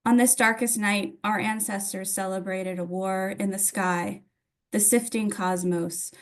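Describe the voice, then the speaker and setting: A woman from Atlanta reading her own poetry at a literary reading, with informal introductions to each piece. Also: lowish voice. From Atlanta, United States. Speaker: poet reading own work.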